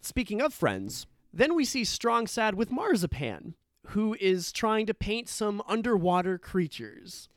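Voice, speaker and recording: A man with a high, very animated voice co-hosts a podcast in relaxed chat. He explains things as he goes and thinks aloud with restarts. The recording is dry and close. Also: unhurried, dry recording. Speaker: podcast co-host. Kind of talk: casual chat.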